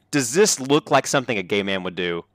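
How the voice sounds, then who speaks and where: A young man gives casual gameplay commentary on a livestream, joking and laughing often. His voice bounces around with lively pitch. The sound is dry and close. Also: no room sound. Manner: excitable, laughs often, jokey.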